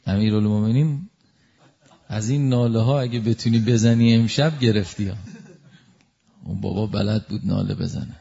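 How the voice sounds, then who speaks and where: A man preaching a devotional sermon through a story, emotive, swinging from loud exclamations to hushed asides. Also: on the low side, steady tone, gravelly, long pauses, lo-fi sound.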